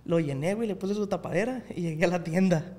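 Animated man. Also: high voice, fast, big-room sound. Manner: slangy, animated storyteller. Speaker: podcast guest. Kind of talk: casual podcast chat.

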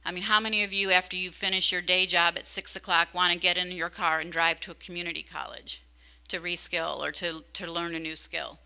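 A woman's voice: lowish voice, fairly even intonation, a little fast, vocal fry, sharp tone, clear, resonant tone. A middle-aged woman giving a conversational conference keynote into a handheld microphone in a large hall, often asking the audience questions. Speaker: keynote speaker.

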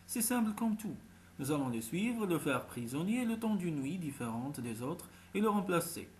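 A man voicing a persuasive, scheming male crook in a storybook reading, pitched higher than his narration. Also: very animated, moderate pace, a little hiss or hum.

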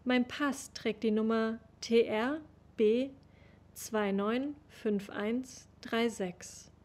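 A young woman reads a literary text aloud, unhurried and measured. Her voice sits a little high, and she takes each phrase slowly. She was recorded through a webcam in a room at home. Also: darkish tone. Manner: slow, measured reading. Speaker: reader of literary texts. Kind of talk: literary reading.

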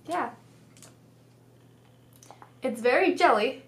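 Young woman vlogger, high voice, casual chat, echoey dining room. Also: expressive, very slow. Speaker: vlog co-host. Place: indoor home dining room. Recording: echoey room with faint noise.

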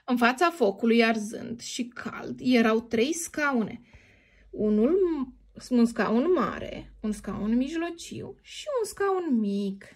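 Lively, sing-song woman reading a children's story. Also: fairly high pitch. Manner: expressive, sing-song, playfully addressing the heroine.

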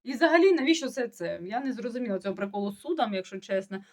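A woman's voice: on the high side, expressive, very fast, darkish tone. Chatty woman vlogger with a sore throat. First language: Russian. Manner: chatty, puzzled, rambling with restarts. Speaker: village-life vlogger. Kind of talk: casual talk to camera.

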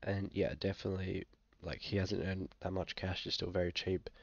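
At a moderate pace and with a level tone, a young Australian fantasy football vlogger talks in a low, gravelly voice, sounding somewhat ill and coughing occasionally. He gives laid-back, hesitant screen-share commentary stuffed with fillers from a small room indoors. The recording has no room sound, and its highs are cut off.

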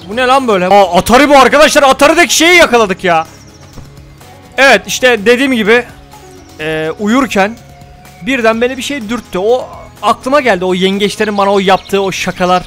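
A man giving casual let's-play commentary, excitable, talking to his viewers and cursing at the game. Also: high-pitched, brisk, soft background music. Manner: excitable, talks to viewers, mutters and curses at the game. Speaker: gaming YouTuber.

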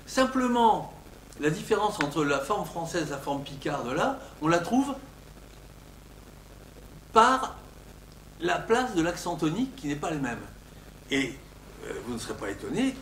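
Animated older male lecturer, echoey room. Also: a little high, slight background noise. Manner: animated, emphatic on example words, frequent hesitations. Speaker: linguistics professor lecturing. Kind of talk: academic lecture.

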